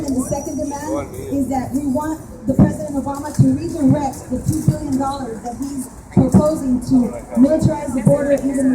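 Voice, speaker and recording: A woman who organizes a rally, opening a press conference outdoors and talking in a hesitant way, with many pauses and fillers. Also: sits high. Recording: distant echoey outdoor recording with crowd and loud noise.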